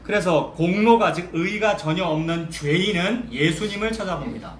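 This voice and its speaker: A man preaches from a church pulpit, his voice sitting a little high for a man. He talks to the congregation conversationally and keeps asking them questions. The sound rings around a roomy sanctuary over a faint background hum. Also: animated, moderate pace. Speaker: pastor. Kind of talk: sermon. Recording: echoey church hall with faint ambience.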